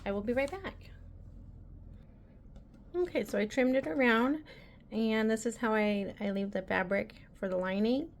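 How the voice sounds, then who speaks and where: A woman's voice: a little high, measured pace, long pauses. Woman, casual crafting how-to, rambling chatty delivery, faint room hum behind. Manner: chatty, rambling, many ums. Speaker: embroidery tutorial host.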